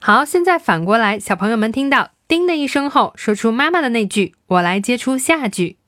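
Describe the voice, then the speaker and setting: A woman leads a children's English lesson. Her voice sits fairly high and moves a lot in pitch. She stretches words out slowly so young learners can repeat them. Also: lively intonation, a bit bright, dry recording, clean studio sound. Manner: slow, drawn-out repetition of English words for children to follow.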